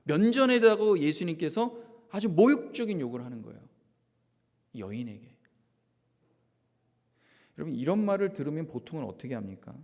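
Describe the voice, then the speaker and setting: A man's voice: a little high, animated, fast, hardly any pauses, darkish tone. A male pastor preaching a Sunday sermon with emphasis and drama, acting out the voices of the people he talks about, recorded in a church sanctuary. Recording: long church-hall reverb.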